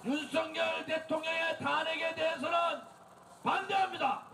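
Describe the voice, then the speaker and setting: A man delivering an impassioned, declamatory political rally speech as the leader, exhorting listeners and shouting slogans. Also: very high-pitched, steady tone, moderate pace. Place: outdoor street rally in front of a building. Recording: outdoor PA, echoing, distant, noisy crowd.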